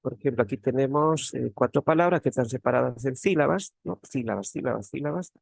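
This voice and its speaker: Male teaching assistant, gravelly voice, repeats terms and checks in with the class. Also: mid-range voice, brisk, no echo. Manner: repeats key words, frequent tag questions. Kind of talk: online grammar tutorial. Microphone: computer mic on a video call.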